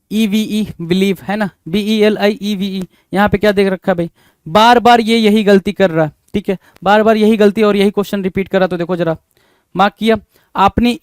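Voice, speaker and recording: A man's voice: high-pitched, darkish tone, smooth, no echo. A man teaching an exam spelling lesson, spelling words letter by letter and putting questions to his students over and over.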